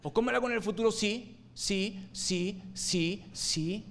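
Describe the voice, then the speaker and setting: A man preaching a sermon, swinging from loud emphatic bursts to low quiet lines and asking his listeners rhetorical questions. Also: a little slow, gravelly.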